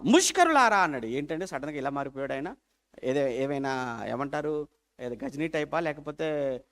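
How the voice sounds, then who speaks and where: A man preaching a sermon as pastor, animated, firing rhetorical questions and swinging from loud appeals to hushed asides. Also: on the high side.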